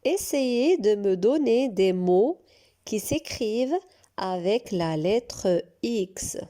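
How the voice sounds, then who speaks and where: Woman, preschool teacher, very slow, mellow, encouraging. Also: mid-range voice, expressive. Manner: slow, drawn-out and encouraging, praising often. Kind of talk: recorded reading lesson for young children.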